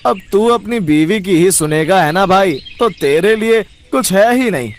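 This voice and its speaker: A man voicing a sly, scheming older brother in a cartoon story, loud and cajoling. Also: high voice, animated, unhurried, a little hiss or hum, voice pushed up. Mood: coaxing. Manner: loud, cajoling, chuckling slyly. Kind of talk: cartoon voice acting.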